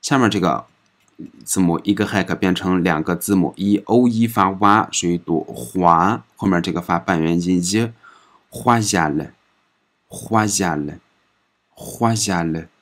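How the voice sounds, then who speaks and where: A man teaching a recorded pronunciation lesson, patiently explaining and saying each example word several times in a drawn-out way. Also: low-pitched. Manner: patient explaining, ends phrases with soft particles. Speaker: French language teacher.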